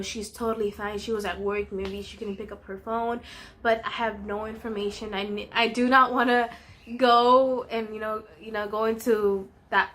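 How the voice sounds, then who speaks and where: A woman's voice: medium pitch, fairly bright tone, a little hiss or hum. A woman casually telling a personal story in a vlog, earnest and full of "um" and "you know".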